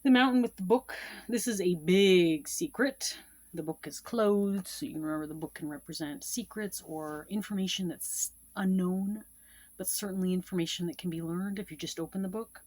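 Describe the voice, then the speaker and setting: A woman's voice: fairly low pitch, normal speed, a little mellow. A woman casually teaching card-reading meanings, repeating each point with fillers and asides. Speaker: tarot and Lenormand card reader teaching. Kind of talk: casual instructional explanation.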